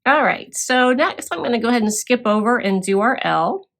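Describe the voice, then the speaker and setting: A woman's voice: a little high, animated, normal speed, vocal fry, fairly bright tone. A woman instructor demonstrating scrapbook crafting step by step, explaining as she works with occasional fillers.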